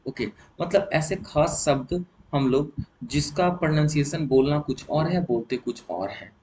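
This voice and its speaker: A man's voice: fairly high pitch, unhurried, darkish tone, slight background noise, poor audio. A man with an Indian accent teaching a spoken English course in a lesson, explaining step by step, switching between Hindi and English and repeating key points.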